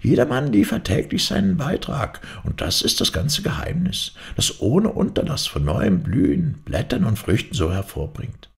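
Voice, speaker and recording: A man's voice: huge pitch swings, normal speed, vocal fry, few pauses. A man voicing a once-old woman made young again, telling her tale to a friend in a storybook reading. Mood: coaxing. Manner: chatty storytelling, wide swings in pitch.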